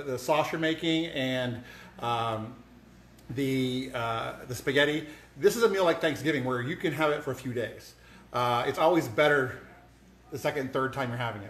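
A man's voice: medium pitch, a bit bright. A man hosting a home cooking show, chatting casually to the camera with lots of fillers and restarts, in a home kitchen. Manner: rambling, many fillers and restarts. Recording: echoey room.

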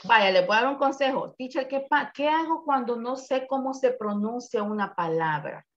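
A woman's voice: fairly high pitch, animated, moderate pace, lo-fi sound. A woman teaching an English class over a video call, explaining grammar patiently. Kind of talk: online class instruction.

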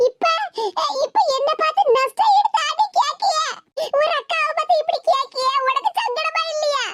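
A woman's voice: very high-pitched, moderate pace, fairly bright tone, a little hiss or hum. A woman voicing a whiny, indignant village gossip in a cartoon, with a Tirunelveli Tamil accent. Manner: whining, indignant.

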